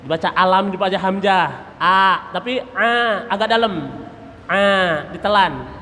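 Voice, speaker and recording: A man's voice: high-pitched, measured pace, bright, forceful tone. A man teaching Quran recitation in a mosque, patiently drilling letter sounds and chanting verse examples. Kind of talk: tajwid lesson with chanted examples. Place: mosque hall. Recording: reverberant mosque hall, faint noise.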